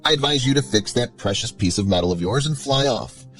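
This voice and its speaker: A man voicing a shabby, grumpy old male ship captain who speaks in a gruff, menacing way. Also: medium pitch, animated, a little fast, faint music behind, lightly acted.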